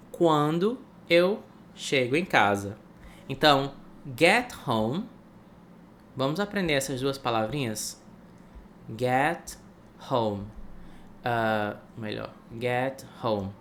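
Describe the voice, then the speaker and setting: Brazilian man, English teacher, very slow careful delivery for shadowing practice, faint background noise. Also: mid-range voice, a bit bright. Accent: Brazilian Portuguese. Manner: slow, careful, repeats phrases for learners. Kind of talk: English lesson with slow read-aloud for shadowing.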